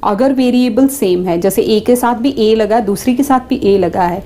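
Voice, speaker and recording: A woman's voice: on the high side, normal speed, mellow. A woman teaching a maths class, explaining each step and speaking directly to the students. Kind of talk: classroom lesson mixing Hindi and English.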